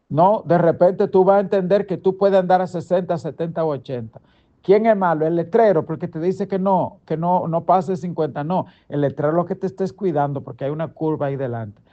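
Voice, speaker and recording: A middle-aged man delivers a daily devotional sermon as a pastor. His voice sits a little high, and he preaches emphatically in a conversational way, firing rhetorical questions. The recording is dull and lo-fi.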